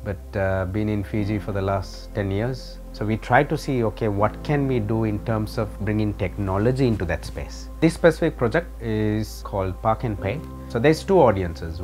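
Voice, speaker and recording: A man from Sri Lanka, a founder speaking earnestly about his startup. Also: lowish voice. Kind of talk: promo interview. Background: music.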